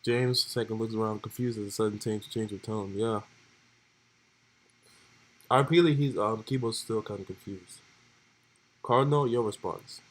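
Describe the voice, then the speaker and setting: A man's voice: fairly low pitch, steady tone, normal speed, long pauses, low-quality recording. A young man streaming, laid-back and joking as he reads role-play text aloud in casual commentary.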